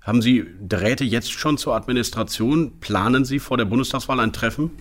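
A man's voice: medium pitch, normal speed. A male interviewer posing probing, conversational questions to a politician.

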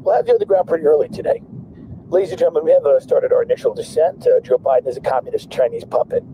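A man doing a deadpan airline captain on the cabin PA, loose announcer drawl, engine rumble and noise behind the clip. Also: very fast. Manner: calm pilot announcement drawl with frequent uhs. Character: male airline captain ranting over cabin PA. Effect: pilot over the plane's PA. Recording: noisy clip with vehicle rumble.

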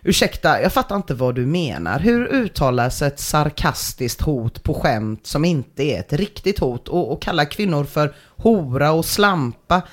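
Brief: podcast host, animated delivery, sarcastic and laughing often, casual comedic reading of forum posts. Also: mid-range voice, few pauses. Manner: dry, sarcastic commentary with frequent laughter.

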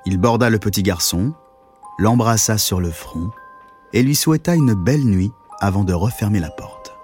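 A man narrating a children's story, expressive and swelling at the exciting moments. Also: on the low side, normal speed, soft background music.

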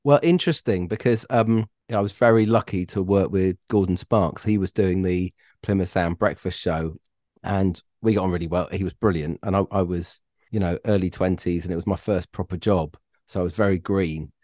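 A middle-aged man being interviewed, telling stories in a relaxed, hesitant way with frequent ums and restarts. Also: sits low, normal speed, dry recording, studio quality. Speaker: podcast guest, former radio reporter. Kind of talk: casual interview chat.

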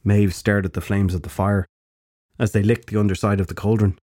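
A man narrating an audiobook fantasy story in a measured storytelling manner. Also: lowish voice, flat delivery, a little mellow.

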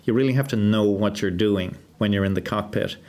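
A man, head of flight training, answering interview questions in an earnest, measured way with frequent fillers. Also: fairly low pitch, a little mellow.

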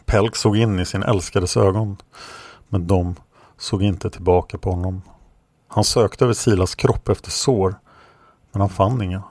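A man reading his own fantasy novel aloud as an author and podcast narrator, calm and measured. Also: low-pitched, no room sound. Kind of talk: audiobook narration.

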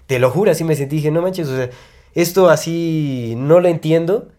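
A man's voice: fairly high pitch, normal speed, warm tone. A young man with a Mexican Spanish accent, rambling through a personal story on a podcast with lots of fillers and restarts. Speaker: podcast co-host. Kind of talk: casual chat, storytelling.

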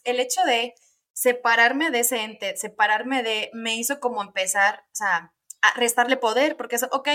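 A chatty, energetic woman speaks as a guest on an interview podcast. Her voice is bright and sits a little high, and she keeps dropping casual "ok"s and "¿no?"s as she talks. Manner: energetic, chatty, peppers speech with "ok" and "¿no?". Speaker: podcast guest, neuropsychologist and coach. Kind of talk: conversational interview.

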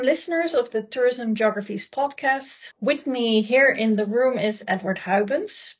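A woman hosting an academic podcast, giving a formal introduction and asking measured questions. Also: a little high, breathy edge, muffled recording. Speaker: podcast host. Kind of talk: podcast interview.

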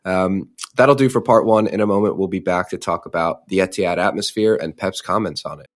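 Low-voiced man debating football tactics. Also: fairly quick. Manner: analytical, plays devil's advocate. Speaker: podcast co-host. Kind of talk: casual football chat.

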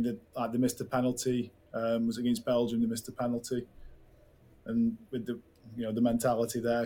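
A man co-hosting a football podcast, speaking in a measured, hedging way. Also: medium pitch, darkish tone. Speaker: podcast co-host. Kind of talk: casual football chat.

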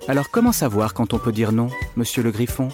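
A man narrating a children's story in the role of a playful professor. His pitch rises and falls in an animated way. Faint music plays underneath. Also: a little fast. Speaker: storyteller playing professor Hansel Grimm.

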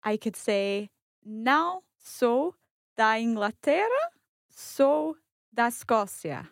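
A curious Scottish woman co-hosts a language lesson dialogue as the learner, asking follow-up questions and repeating phrases back. Her voice is on the high side, very animated yet slow-paced, with vocal fry. The studio-quality recording has no room sound.

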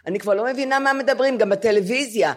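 Lively self-mocking woman in her seventies. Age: 70s. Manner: animated, self-mocking, lively jumps in pitch. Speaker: podcast co-host. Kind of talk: comic storytelling chat. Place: live podcast taping before residents of a residential building.

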